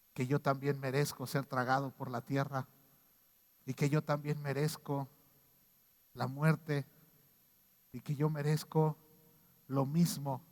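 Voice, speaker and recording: A man preaching a sermon as pastor, acting out quoted voices and swinging between loud outbursts and hushed lines. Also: mid-range voice. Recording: long reverb of a hall.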